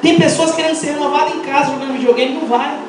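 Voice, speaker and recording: A middle-aged woman with a Brazilian accent preaching an impassioned Pentecostal sermon, firing rhetorical questions and breaking into shouts. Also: high-pitched, fairly even intonation, rapid-fire, over music. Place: large church hall. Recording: echoey church hall, mic far off.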